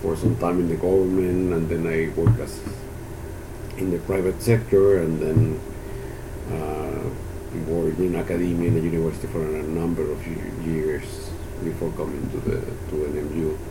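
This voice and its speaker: Very deep-voiced man from Peru, halting. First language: Spanish. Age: 60s. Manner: halting, many restarts and fillers. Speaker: interviewee, university economist. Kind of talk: oral history interview. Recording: steady background hiss.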